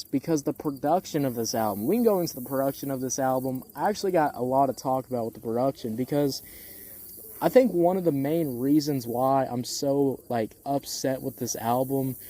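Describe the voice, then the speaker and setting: Medium in pitch and dark in tone, the voice belongs to a music critic casually sounding off about an album. The speaker is blunt, swears casually, and repeats phrases for emphasis.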